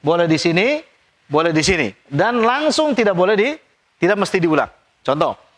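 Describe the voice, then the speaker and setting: A man teaching Quran recitation rules, explaining quickly and chanting examples slowly and drawn out. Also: high-pitched, very animated, a bit bright. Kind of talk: tajwid lesson with recited examples.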